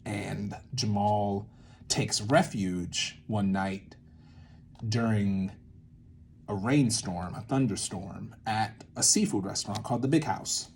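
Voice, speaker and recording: This theatre maker's fairly low voice unfolds slowly, with a little hiss or hum on the recording. In his creative method series he improvises a loose tutorial, rambling playfully while thinking aloud and talking to himself in asides.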